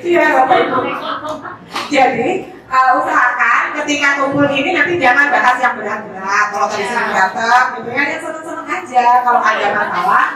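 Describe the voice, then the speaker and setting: A woman's voice: sits high, a little fast, a crowd in the background. A woman giving a seminar talk to parents, chatty, addressing them often with tag questions. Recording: echoey room, voice far from mic.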